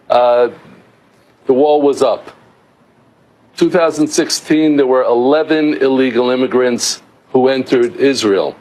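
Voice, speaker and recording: A man's voice: mid-range voice, darkish tone, low-quality recording. A middle-aged American-raised man, an author, giving a remote news interview in an explanatory way with many restarts. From United States. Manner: explanatory, with frequent restarts and fillers.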